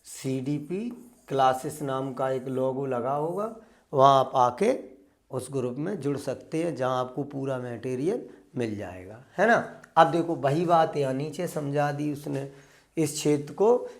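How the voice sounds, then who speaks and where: A man's voice: medium pitch, a little slow. A man teaching an online exam-prep class. He keeps asking his students questions, answers them himself, and calls them "beta".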